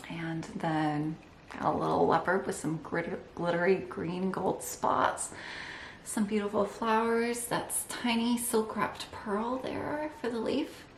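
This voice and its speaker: A woman's voice: on the low side, echoey room, slight background noise. A woman hosting an embroidery channel, explaining her stitching with enthusiasm and wry asides. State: out of breath from holding a heavy piece. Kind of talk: casual show-and-tell narration. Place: indoor room with windows.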